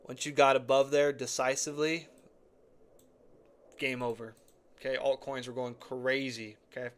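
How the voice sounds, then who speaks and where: A man's voice: medium pitch, flat delivery, normal speed, fairly bright tone, slight background noise. Rambling man talking through charts. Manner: rambling, repeats phrases, says okay and right often. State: slightly cracked voice. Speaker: crypto chart analyst host. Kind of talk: casual live chart commentary.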